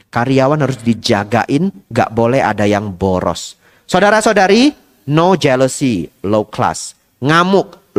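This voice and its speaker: A man preaches as a Buddhist monk with a slightly high voice that swings widely up and down. He keeps asking his listeners questions and drops English phrases into his talk. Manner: lively, asks the audience rhetorical questions. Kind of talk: dharma talk.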